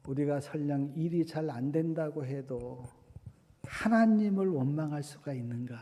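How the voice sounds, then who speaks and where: Male pastor, high voice, emphatic sermon delivery with rhetorical questions, recorded in a reverberant church hall. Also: dark tone. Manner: emphatic, repeats key words, rhetorical questions.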